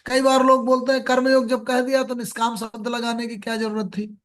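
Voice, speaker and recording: A middle-aged man giving a measured spiritual discourse, explaining scripture and reciting Sanskrit verses. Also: extremely high pitch, monotone, fairly bright tone. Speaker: Gita speaker.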